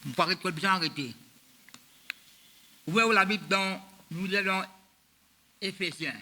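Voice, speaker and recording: A man's voice: sits high, unhurried, sharp tone, a little hiss or hum. A man, preaching a sermon as pastor of a church, in a loose, repetitive style that mixes French and Creole. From Mauritius.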